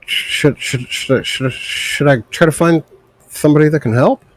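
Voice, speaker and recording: A man's voice: a little high, moderate pace, rough recording. A man playing in a tabletop game, nervous and stammering over his words. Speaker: player.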